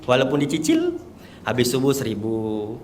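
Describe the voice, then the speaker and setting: A man in his thirties giving an earnest, animated religious testimony to an audience. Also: medium pitch, moderate pace, slight background noise. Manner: earnest, animated storytelling with rising excitement. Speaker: guest giving a personal testimony.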